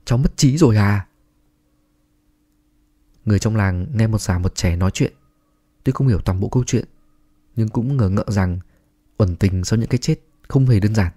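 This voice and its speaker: Male ghost-story narrator, husky and grave, steady scripted read. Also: lowish voice, moderate pace. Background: faint music.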